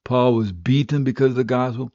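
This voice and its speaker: Mellow older radio pastor. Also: male voice, mid-range voice, brisk, dry recording. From West Africa. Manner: earnest, steady preaching storytelling. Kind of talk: radio sermon with personal testimony. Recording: slightly dull, dry radio recording.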